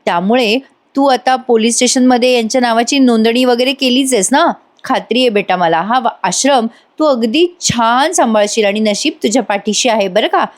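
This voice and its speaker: A woman's voice: on the high side, moderate pace, close to an everyday voice. A woman voicing a kindly elderly man who reassures a young woman in a fatherly way.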